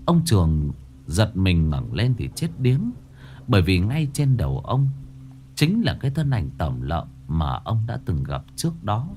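A man narrating a horror tale with dramatic storytelling. His pitch rises and falls widely from line to line. Faint music plays underneath. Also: sing-song, measured pace, darkish tone.

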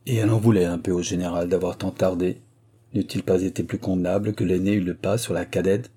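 Man reading a novel out loud, low dark husky voice, steady pace. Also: quick pace. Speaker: audiobook reader. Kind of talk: scripted narration.

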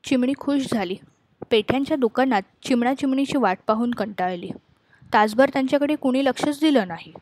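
A woman narrating a storybook tale aloud, giving lively voices to the sparrow and the lady of the house. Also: sits high, fairly quick, no room sound. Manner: lively, acts out the sparrow's and wife's lines. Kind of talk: storybook reading with voiced characters.

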